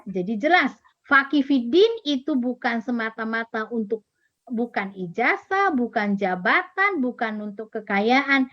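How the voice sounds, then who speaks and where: A woman's voice: on the high side, no room sound, muffled recording. A woman teaching an Islamic study lesson to parents, explaining in a patient way, repeating key words and asking rhetorical questions. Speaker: religious teacher at a parenting class.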